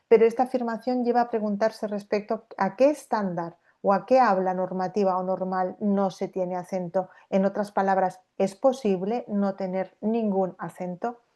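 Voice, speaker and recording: A literature scholar from Spain gives an academic lecture, thinking aloud thoughtfully with many fillers and restarts and often checking in with the audience by asking "¿no?". Her mellow, mid-range voice stays steady at a moderate pace with few pauses.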